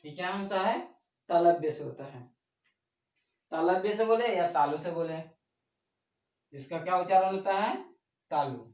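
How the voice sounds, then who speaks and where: A male teacher giving a classroom lesson, talking slowly and repeating himself, often asking questions that prompt his students to answer and take notes. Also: high voice, darkish tone. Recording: echoey room.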